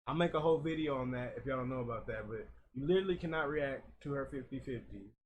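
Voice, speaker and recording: A man's voice: medium pitch, quick pace. A man giving informal, opinionated gaming commentary, recorded a little far from a makeshift old mic. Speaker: gaming video host. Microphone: makeshift old mic, not close. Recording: far from the mic, background noise.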